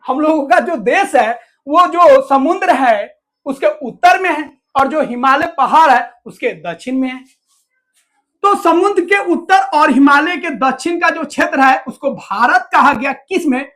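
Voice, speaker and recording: High-voiced woman teaching a class. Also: a bit bright. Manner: repetitive, asks questions then answers them herself. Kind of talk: classroom lesson explaining to students.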